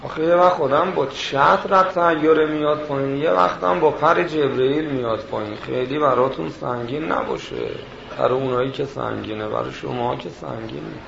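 A man preaching a sermon as a story, animated and often laughing as he tells it. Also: medium pitch, creaky. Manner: animated, laughing through the telling. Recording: echoey hall, dull sound, background noise.

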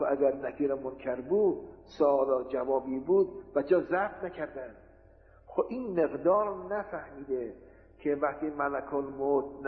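A man delivers a religious lecture in a fairly high voice, working through his points with rhetorical questions and homely examples. The sound is tinny and thin, as if from an old lo-fi tape, and his words ring out with a long echo through a large hall. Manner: explanatory, poses rhetorical questions and gives examples. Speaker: preacher. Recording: tinny lo-fi recording in an echoey hall.

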